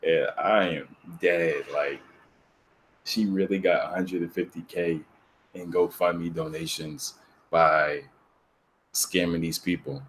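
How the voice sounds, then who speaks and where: A man's voice: low voice, steady tone, takes it slowly, fairly bright tone, slight background noise. A man hosting a casual discussion podcast, telling a story in a laid-back way and laughing as he goes. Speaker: podcast host.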